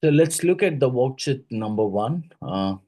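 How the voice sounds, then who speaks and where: A man's voice: mid-range voice, lively intonation, moderate pace, dark tone. A man with an Indian English accent teaching phonetics for exam prep, explaining step by step and often checking in with "right?" and "isn't it?". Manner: explanatory, checks in with tag questions. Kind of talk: exam-prep lecture walking through worksheets.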